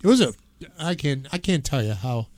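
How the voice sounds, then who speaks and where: A man's voice: mid-range voice, expressive, normal speed, a little mellow, no room sound. A man co-hosting a radio music show, chatting enthusiastically and rambling a bit, with hesitant fillers. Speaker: radio co-host. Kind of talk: casual radio chat.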